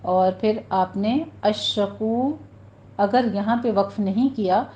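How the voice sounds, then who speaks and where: A woman teaching a tajweed lesson, patiently explaining pronunciation rules and slowly repeating words for her students to practice. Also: medium pitch, dark tone, muffled recording. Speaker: Quran recitation teacher.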